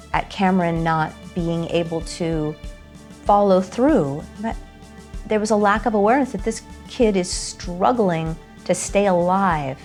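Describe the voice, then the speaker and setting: A woman's voice: on the low side, darkish tone. A mother speaking earnestly about her son's mental illness in a documentary interview, her frustration showing.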